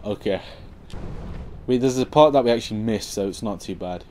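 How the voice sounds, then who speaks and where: A young man giving casual let's-play commentary on his game, sarcastic and swearing, with sudden loud outbursts at the game. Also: on the low side, moderate pace, noisy background. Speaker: gameplay commentator.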